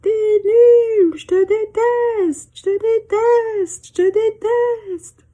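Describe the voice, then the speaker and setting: A woman voicing an excited little girl who calls out loudly in long, stretched-out shouts. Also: very high voice, extremely slow, pitched above the performer's own voice, exaggerated voice. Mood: annoyed shouting.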